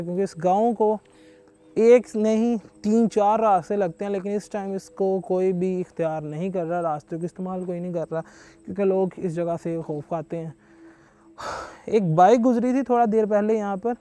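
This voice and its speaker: A man in his thirties from Pakistan hosting a ghost-hunting vlog, talking tensely and excitably to viewers as he explores an abandoned building at night. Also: sits high, slight background noise. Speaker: host of a ghost-hunting show. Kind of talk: on-location paranormal investigation vlog. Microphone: camera-mounted mic on a handheld gimbal. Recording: background music under the voice.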